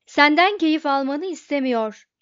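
A woman voicing a brash, impatient man who shouts his orders. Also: high-pitched, fairly even intonation, a little slow, smooth. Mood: shouting. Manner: shouting, brusque. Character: cocky, loud, impatient young man. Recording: dull, dry lo-fi recording.

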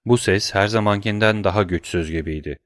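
Low-voiced male audiobook narrator. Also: no room sound, studio quality. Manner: measured, steady storytelling. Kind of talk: dramatic novel reading.

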